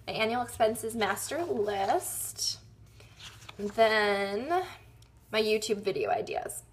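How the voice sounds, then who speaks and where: A woman's voice: medium pitch, animated, slow, slight background noise. A young woman from Wisconsin with a slight Wisconsin accent, chatting casually and rambling as she walks through her planner in a vlog. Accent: Wisconsin, slipping in at times. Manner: chatty and rambling, with frequent ums and laughs at herself. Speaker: YouTube vlogger.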